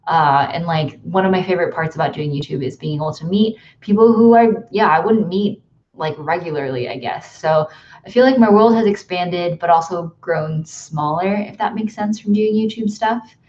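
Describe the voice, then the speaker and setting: A young American woman chats casually to her viewers from her bedroom, drifting from thought to thought with plenty of ums and likes. Her voice sits a little low for a woman, and the audio comes through slightly dull and lo-fi. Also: normal speed, a little mellow. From United States. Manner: chatty, rambling, many ums and likes. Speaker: YouTuber hosting a livestream. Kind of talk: casual livestream chat. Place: bedroom at home.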